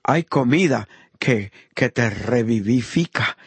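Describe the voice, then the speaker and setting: Husky, fervent male preacher. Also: lively intonation, slow pace, no echo. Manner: swings from loud high exhortation to low murmured praise, acts out voices. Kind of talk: impassioned sermon.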